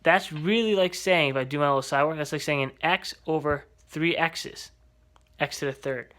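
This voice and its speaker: A man's voice: fairly high pitch, normal speed, pushed and bright. A man teaching an algebra lesson, explaining step by step and checking in with rhetorical questions. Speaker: math teacher.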